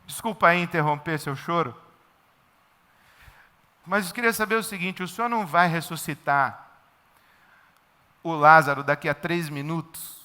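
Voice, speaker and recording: A preacher voicing a hushed, apologetic angel. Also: male voice, fairly high pitch, moderate pace, pauses often, in a large hall, voice pushed down. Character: polite angel interrupting a grieving Jesus.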